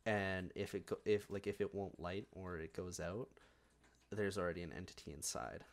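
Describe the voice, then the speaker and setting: Very low-voiced woman podcaster. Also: steady tone, moderate pace. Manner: rambling, filler-heavy. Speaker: podcast co-host. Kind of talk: casual chat.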